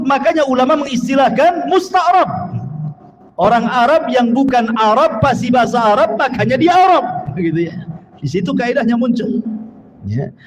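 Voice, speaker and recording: A man preaching a sermon to a congregation, asking his listeners questions and reciting Arabic verses before explaining them. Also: extremely high pitch. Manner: emphatic, rhetorical questions to listeners. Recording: long hall reverb, faint background noise.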